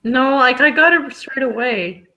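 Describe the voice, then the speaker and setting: A woman's voice: high-pitched, unhurried, pushed and bright, highs cut off. A woman hosting a live online book discussion, chatting casually and rambling with lots of "like.". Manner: chatty, rambling, says "like" a lot. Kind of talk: casual chat.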